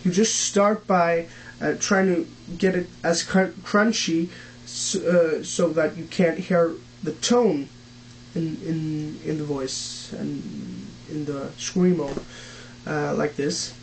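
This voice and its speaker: In a relaxed home tutorial on vocal technique, a young man who isn't a native English speaker stumbles along with frequent fillers and restarts. He has a fairly high voice, and the low-quality recording carries slight background noise.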